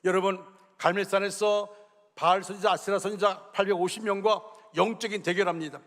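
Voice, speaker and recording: A middle-aged man preaching a sermon as senior pastor, telling a personal story with emotion, dropping to a hush and then rising fervently. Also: high-pitched, fairly even intonation, a little fast. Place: church sanctuary. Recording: long reverb of a church hall.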